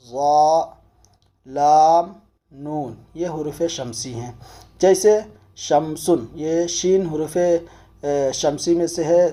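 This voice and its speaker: Bright, high-voiced Urdu-speaking man teaching. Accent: Pakistani Urdu. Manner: patient, explains step by step, repeats and spells out letters. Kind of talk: recorded language lesson.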